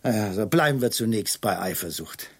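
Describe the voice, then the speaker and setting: A middle-aged actor playing a Scotland Yard chief inspector, asking probing questions in a dry, ironic way in a 1970s radio drama. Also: male voice, on the low side, expressive, a little fast, slightly rough. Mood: wry.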